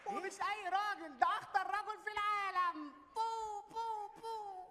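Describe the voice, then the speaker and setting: A performer with an Egyptian accent playing a disguised sibling posing as a dangerous gunman, shouting mock threats. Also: very high voice, steady tone, normal speed, crowd noise, noisy background. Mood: mock-menacing. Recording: theater stage with long reverb and faint ambience.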